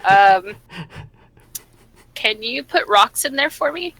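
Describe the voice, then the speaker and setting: A woman's voice: fairly high pitch, animated, slow, fairly bright tone, dry recording. A woman chatting casually as a player in a tabletop game, describing what her character does.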